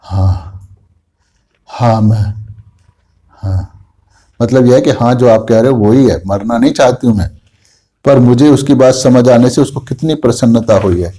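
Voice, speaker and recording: A man's voice: mid-range voice, fairly quick, warm tone. A man, a homeopathic doctor, walks through a patient's case in a lecture and retells her words before explaining them.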